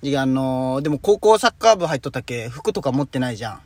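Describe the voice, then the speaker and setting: A young man with a high voice that never broke, chatting as host of a casual podcast. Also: animated, quick pace, darkish tone. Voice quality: high, unbroken voice. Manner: chatty, dialect-heavy, laughs often. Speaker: radio show host. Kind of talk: casual podcast chat reading listener letters.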